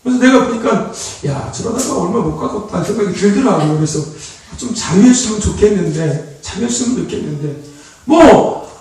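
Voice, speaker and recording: A male pastor giving a chatty, animated sermon, laughing often and prompting the congregation for amens. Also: sits high, fairly quick. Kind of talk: informal sermon. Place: church sanctuary. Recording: echoey hall, distant mic, faint noise.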